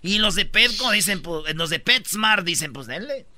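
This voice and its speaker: A man's voice: high-pitched, moderate pace. A man hosting a comedy radio show, telling stories in a slangy, joking way. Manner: slangy, joking, animated storytelling. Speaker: radio host. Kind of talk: comedic radio news banter.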